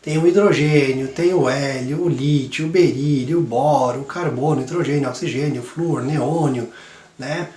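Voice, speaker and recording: A man teaching a science lesson to young students in a chatty, relaxed way, his voice hoarse from a cold. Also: mid-range voice, normal speed, echoey room. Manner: chatty, relaxed, many fillers. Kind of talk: classroom lesson for kids.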